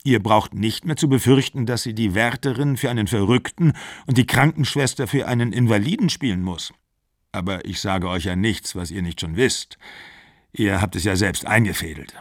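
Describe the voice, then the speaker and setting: A man's voice: on the low side, normal speed, no echo, studio quality. A man voicing a cool, composed woman. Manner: calm, cool.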